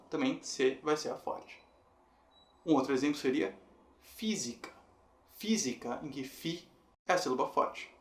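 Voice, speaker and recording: An English teacher with a slightly high, somewhat bright voice gives a patient, explanatory video lesson, slowing down to spell out how each word is pronounced. The room around him has a noticeable, roomy echo.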